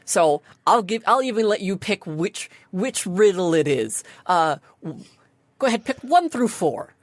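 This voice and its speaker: A woman's voice: medium pitch, big pitch swings, a little slow, no echo, voice pushed up. A woman voicing a perky, bubbly female sphinx who helps at a convention. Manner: bubbly, eager to help.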